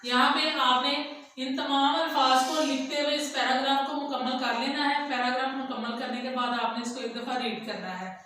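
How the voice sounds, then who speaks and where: A woman teacher with a Pakistani Urdu accent leads an online lesson, slowly spelling out sentences word by word. Her voice is high and bright. It sounds distant, in a strongly echoing room. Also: steady tone, a little hiss or hum. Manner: slow, dictating word by word.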